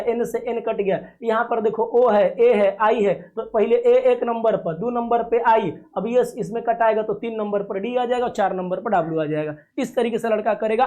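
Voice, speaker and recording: Man, coaching teacher, somewhat high voice, confident, coaxing, checks understanding often, reasoning lesson. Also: darkish tone. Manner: coaxing, asks "clear?" often, calls students dear children; confident, promises guarantees. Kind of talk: classroom-style reasoning lesson for video.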